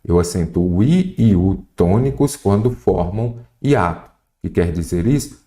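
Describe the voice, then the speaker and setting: A man's voice: low-pitched, animated, a little slow, dark tone. A Brazilian Portuguese-speaking man teaching an exam prep grammar lesson, asking questions and answering them himself. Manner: didactic, asks and answers his own questions.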